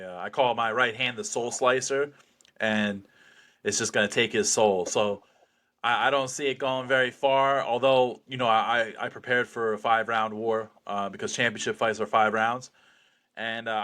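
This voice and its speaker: Bright, forceful man talking cocky fight-game bravado. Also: medium pitch, steady tone, normal speed. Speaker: professional slap fighter being interviewed. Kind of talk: casual interview chat.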